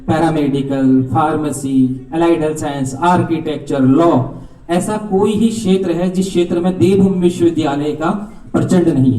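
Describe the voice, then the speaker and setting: A man's voice: on the high side, mellow. A man giving a motivational speech as a university representative, telling a story and repeating a catchphrase, in an event hall. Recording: echoey hall from far off.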